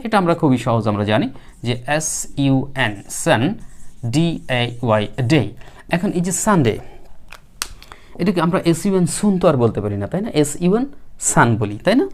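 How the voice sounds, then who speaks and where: A male teacher giving a spoken English lesson, who patiently repeats words slowly for learners. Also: fairly high pitch, big pitch swings.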